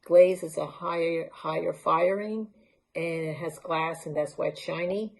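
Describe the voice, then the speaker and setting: A woman from Honduras presents her handmade crafts at a library art talk, holding pieces up to the camera in a casual, unscripted show-and-tell. Her voice is lowish and creaky, and she speaks unhurriedly.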